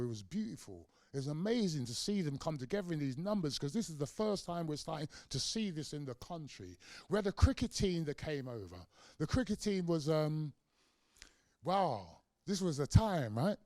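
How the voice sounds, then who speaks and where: A middle-aged man gives a conversational storytelling lecture. He acts out quoted voices in a raised pitch, with casual fillers between his points. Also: big pitch swings, fairly quick, darkish tone, dry recording, studio quality. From England. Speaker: guest lecturer.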